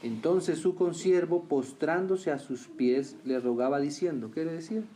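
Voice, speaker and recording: Man preaching a questioning sermon, faint hiss. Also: moderate pace. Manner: asks the listeners questions and answers them; swings between raised emphatic lines and quiet low remarks.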